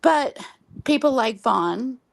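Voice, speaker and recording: A woman's voice: a little high, animated, slow, creaky, slight background noise. A woman from Oklahoma hosting a casual late-night livestream chat, telling long earnest stories with many ums while losing her voice from smoky air. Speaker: livestream host.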